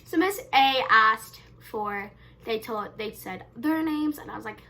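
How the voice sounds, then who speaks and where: Young woman vlogger, high bright voice, rambling casual storyteller who backtracks a lot. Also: expressive, unhurried. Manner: rambling, self-correcting, leans on "basically" and "um"; wide swings in loudness and pace. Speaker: YouTube vlogger. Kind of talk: casual camera vlog storytelling.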